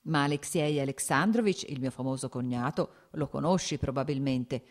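A woman's voice: extremely low pitch, moderate pace. A woman reading the lines of a jovial, sociable nobleman in an audiobook, in a hearty, exclaiming manner. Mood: chatty.

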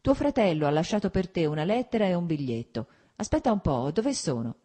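A woman's voice: on the low side, sing-song, brisk, mellow, husky, voice pushed up. A woman voicing a scruffy, hungover young officer who jokes and teases in a mock-solemn way. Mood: playful teasing.

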